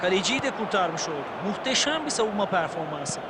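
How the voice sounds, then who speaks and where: A man playing a football co-commentator in a video game, giving measured, explanatory analysis of the play. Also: sits high, sing-song. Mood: analytical. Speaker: co-commentator, pundit. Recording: loud stadium crowd noise. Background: roaring stadium crowd.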